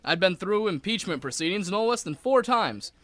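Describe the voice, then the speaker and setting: A man playing a gruff, wisecracking mugger in a comic radio drama. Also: sits high, animated, normal speed, a bit bright. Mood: boastful. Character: tough-guy mugger and bumbling male customers.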